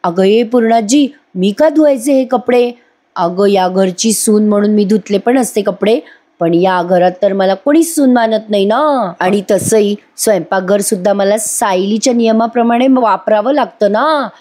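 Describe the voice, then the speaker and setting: A woman's voice: medium pitch, normal speed, warm tone, natural voice. A woman voicing a scheming young wife in a TV serial recap, whining and protesting in a raised voice.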